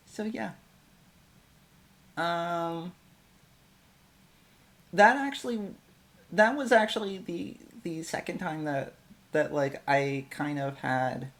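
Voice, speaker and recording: A man hosting a casual group chat, explaining his VTuber skits in a rambling, stop-start way. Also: fairly high pitch. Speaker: VTuber creator and host.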